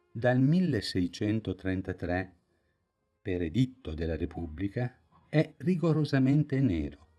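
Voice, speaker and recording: A man giving scripted documentary narration as a voice-over, in a slow, measured storytelling manner. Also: fairly low pitch, warm tone.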